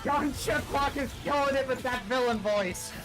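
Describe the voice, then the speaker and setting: A man with a very high voice gives casual live reaction commentary. He talks like an admiring, sweary fan, with music clearly behind him. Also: normal speed.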